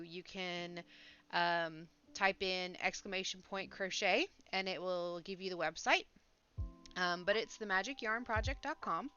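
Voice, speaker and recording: A crochet livestream host chats casually in a lowish, bright, forceful voice. Sinus congestion and a sore, swollen mouth make her speech slightly impeded and a little funny, and the audio is dull and lo-fi with faint music.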